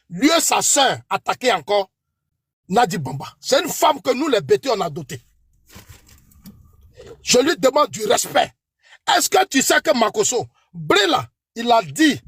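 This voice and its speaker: A man's voice: high-pitched, husky, no echo, studio quality. A man with an Ivorian French accent in a heated political debate, accusing his opponent by name and warning him before God. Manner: preachy warnings invoking God.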